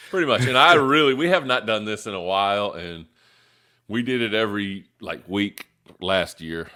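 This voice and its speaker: A man co-hosting a casual live review show, rambling with lots of fillers and quick bursts of laughter. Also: lowish voice, sharp tone. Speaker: co-host of a soda review show.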